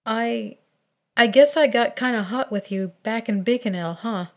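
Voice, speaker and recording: A woman voicing a brash, warm-hearted young man who talks in loud, eager bursts. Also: fairly high pitch, unhurried.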